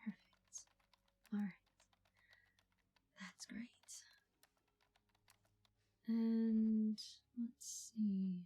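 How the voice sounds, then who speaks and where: Female for ASMR role-play as a patient call center agent: very mellow, dark, breathy ASMR delivery, reassuring and slow. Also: on the high side, little pitch movement. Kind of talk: soft ASMR.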